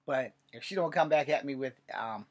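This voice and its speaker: A man in his 40s, nearly fifty, talks wryly and sarcastically to his webcam in a cluttered bedroom, cursing here and there in a casual vlog monologue. He has a medium-pitched voice and a moderate pace, with the webcam at desk distance.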